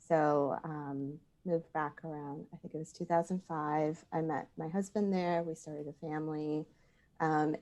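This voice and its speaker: Low mellow-voiced woman in her thirties. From Thailand. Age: 30s. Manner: earnest, measured, many "um" pauses. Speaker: guest. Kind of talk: podcast interview.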